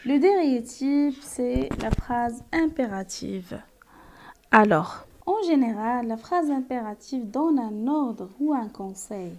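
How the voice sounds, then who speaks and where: A woman's voice: a little high, expressive, slow, mellow, a little hiss or hum. A woman teacher giving a grammar lesson, explaining carefully and reading out example sentences.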